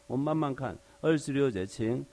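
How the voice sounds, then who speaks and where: A man's voice: medium pitch, brisk, dark tone. A man teaching the Bible conversationally. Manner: asks rhetorical questions, checks in with the listeners often; explains verse by verse with everyday examples. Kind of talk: conversational Bible study sermon.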